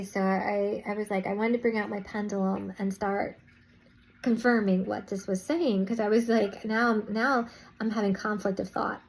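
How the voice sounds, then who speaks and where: A woman's voice: mid-range voice, creaky, a little mellow, rough recording. A woman vlogger casually recounting a spiritual experience, rambling with restarts and "I was like" asides.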